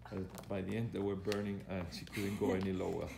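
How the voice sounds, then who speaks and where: A man's voice: low-pitched, flat delivery, brisk, gravelly. A man working as a fitness coach explains exercises as they are demonstrated, in a hesitant, repetitive, instructional way. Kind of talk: live exercise demonstration commentary. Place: indoor gym. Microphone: handheld camera operated by the speaker. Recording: echoey room, faint background noise.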